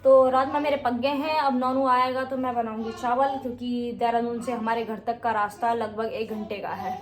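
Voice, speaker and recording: A woman's voice: fairly high pitch, fairly even intonation, normal speed, crowd noise. A young mother talking frankly in a casual home vlog, sometimes scolding her children, with faint kitchen sizzling behind her. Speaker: vlogger and mother. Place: home in northern India. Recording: faint background noise.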